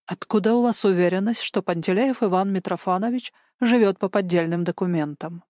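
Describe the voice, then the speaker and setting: A woman voicing a young female police captain who questions in a cautious, measured way, in an audiobook. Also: medium pitch, warm tone, dry recording, studio quality, lightly acted. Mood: wary. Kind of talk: audiobook character voice.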